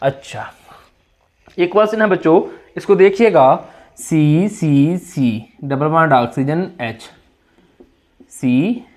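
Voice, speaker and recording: A man's voice: a little high, takes it slowly, long pauses, a little mellow. A man teaching chemistry in a classroom-style lecture with a sore throat, asking students questions and answering them himself in repeated call-and-response.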